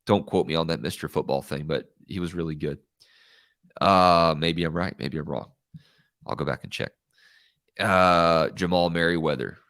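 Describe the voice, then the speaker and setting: A man with a congested, nasal baritone that sounds like his nose is pinched, hosting live college football talk in a conversational, think-aloud way. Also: a bit bright, no room sound, clean studio sound. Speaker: host of a live college football recruiting show. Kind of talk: live sports talk and commentary.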